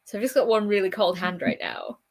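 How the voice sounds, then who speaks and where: A woman's voice: medium pitch, a little fast. A young woman co-hosting a writing stream, chatting casually and laughing often, with lots of "like". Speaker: co-host. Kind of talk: casual chat during writing sprint.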